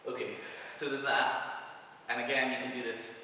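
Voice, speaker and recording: A man's voice: medium pitch, level tone, normal speed, pushed and bright, slight background noise. A man casually teaching a prop-spinning move, talking loosely through each step as he demonstrates it. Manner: loose, talks through moves while demonstrating. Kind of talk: casual video tutorial. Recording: echoey hall, mic far off.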